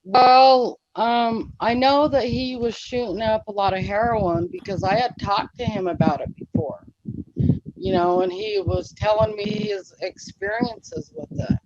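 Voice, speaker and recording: A woman's voice: a little high, lively intonation, unhurried, gravelly, darkish tone, lo-fi sound. A woman who is an interview guest, telling a personal story in an earnest, rambling way with many fillers. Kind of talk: conversational storytelling.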